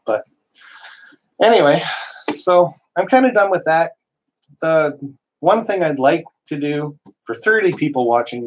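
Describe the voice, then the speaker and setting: A man's voice: on the high side, breathy edge, poor audio. Worked-up man ranting on a live stream. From Canada. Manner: worked up, emphatic and rambling; frequent mild swearing. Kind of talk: casual live-stream talk.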